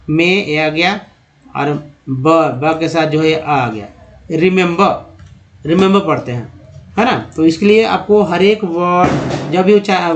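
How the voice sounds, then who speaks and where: A man, an English teacher giving a spoken phonics lesson, slowly spelling letters out and repeating each word for his viewers. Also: high voice. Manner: slow, repeats words and letters while explaining; addresses viewers as friends, checks in often.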